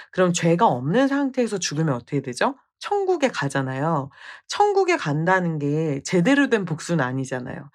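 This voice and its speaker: A brooding young prince thinking aloud, torn over whether to take revenge and questioning his own reasoning, as a woman storyteller voices him. The voice is lowish but rises and falls a lot. It is heard as an inner monologue inside a spoken retelling.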